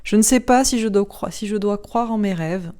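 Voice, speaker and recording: A woman's voice: medium pitch, moderate pace, dark tone, clear, resonant tone. A woman reading oracle cards aloud for viewers. She names each card, then plainly reads its short first-person message.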